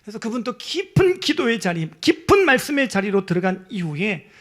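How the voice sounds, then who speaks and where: High-voiced preaching man. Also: sing-song, fairly quick. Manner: swings from hushed whispers to loud pleading cries. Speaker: pastor. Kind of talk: sermon.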